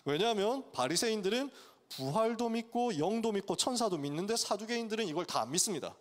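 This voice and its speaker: A male pastor preaching to college students, telling the story in a lively way and acting out its characters' voices. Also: sits high, brisk. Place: church sanctuary. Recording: long church hall reverb.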